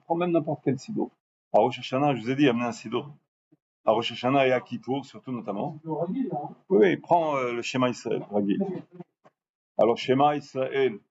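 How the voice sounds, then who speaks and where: A man giving an informal religious lesson to a live group, drawing out Hebrew words slowly to show their pronunciation and often asking his listeners whether they follow. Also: medium pitch, darkish tone. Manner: asks listeners for confirmation often. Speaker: religious teacher addressing a class. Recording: muffled lo-fi recording with faint background noise.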